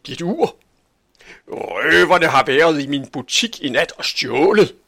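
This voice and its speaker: A man voicing an angry, blustering town butcher in a storybook reading, with loud, indignant, high-pitched outbursts. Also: lively intonation, no room sound, clean studio sound.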